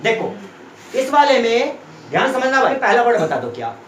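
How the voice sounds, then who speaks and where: A man's voice: extremely high pitch, big pitch swings, moderate pace, slight background noise. Young man, classroom tutor, repetitive check-ins, echoey room recording. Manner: repetitive, keeps checking students follow. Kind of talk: classroom lesson explaining chemistry. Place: small classroom with students.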